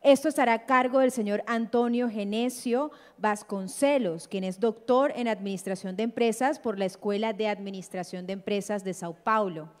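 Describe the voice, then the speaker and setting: A woman's voice: mid-range voice, normal speed, hardly any pauses. A woman acting as conference moderator, making formal announcements and introducing a speaker. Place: large conference hall. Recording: echoey hall with long reverb.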